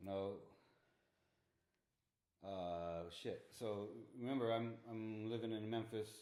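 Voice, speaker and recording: A man's voice: lowish voice, flat delivery, takes it slowly, a little mellow. A middle-aged father telling his story in a casual interview, frank and profane, often checking with "right?". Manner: frank, swears, keeps asking "right?". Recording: echoey room.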